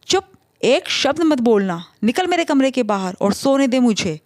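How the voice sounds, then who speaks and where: A woman voicing an irritable elderly mother-in-law who scolds her daughter-in-law in a shrill, exasperated way. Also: big pitch swings, normal speed, a little mellow, no echo.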